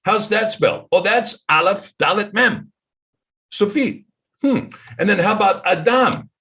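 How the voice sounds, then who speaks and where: A man teaching scripture in a casual, animated way, firing off rhetorical questions and jokey asides to himself. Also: high voice, a little slow. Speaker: Bible teacher.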